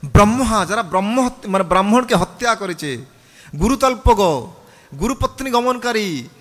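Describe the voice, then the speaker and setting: In a large hall, a monk preaches a scripture sermon, asking the audience questions and leading them in chanting the mantra call-and-response style. His high, fairly bright voice has lively intonation at a normal speed.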